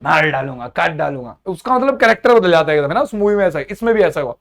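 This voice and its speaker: A young man with a fairly high voice teaches an exam-prep lesson. He mixes Hindi with English and slips into acted-out character voices to keep the class engaged. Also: animated, rapid-fire. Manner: explains in Hindi mixed with English, acts out characters.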